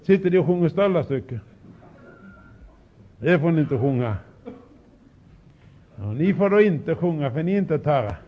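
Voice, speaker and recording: A man preaching a sermon, talking straight to the congregation and shouting out scripture quotes with emphasis. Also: fairly high pitch, lively intonation, long pauses. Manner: talks directly to the congregation. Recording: dull lo-fi recording.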